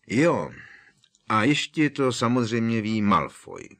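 A man's voice: medium pitch, sing-song, fairly bright tone, voice pushed up. A man voicing an eager teenage schoolboy wizard in an audiobook reading, blurting out questions. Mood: earnest. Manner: blurting, hesitant with elders. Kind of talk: audiobook character voice.

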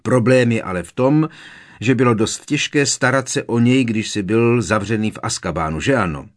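A man reading aloud, voicing a protective, anxious mother who scolds and pleads in a raised, shrill voice. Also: close to an everyday voice. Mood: bitter. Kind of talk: audiobook character voice.

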